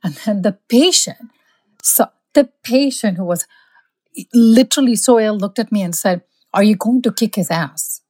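A woman's voice: medium pitch, moderate pace, warm tone. A woman physician telling workplace anecdotes in casual conversation, emphatic and indignant. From born in India, raised in the US. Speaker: physician guest.

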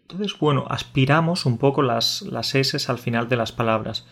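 A man with an Andalusian Spanish accent co-hosts a relaxed podcast conversation. His delivery is good-humoured, with easy laughter and patient explanations. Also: mid-range voice, normal speed, vocal fry. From Andalusia, Spain. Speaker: podcast co-host. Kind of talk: casual podcast chat.

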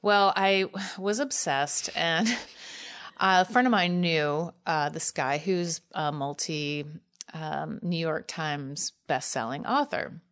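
A woman, a guest author telling a story in casual conversation, animated and laughing, with many 'like' fillers. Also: low voice, slow.

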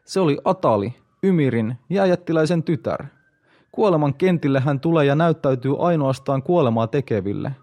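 A man's voice: fairly high pitch, expressive, darkish tone, pitched above the performer's own voice. A man voicing a wild-eyed old male warrior telling an eerie legend in an audiobook reading. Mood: urgent.

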